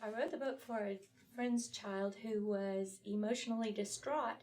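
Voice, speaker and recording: A woman's voice: fairly high pitch, fairly even intonation, moderate pace, darkish tone. A woman author as a talk-show guest, earnestly recounting a children's story. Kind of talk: interview storytelling.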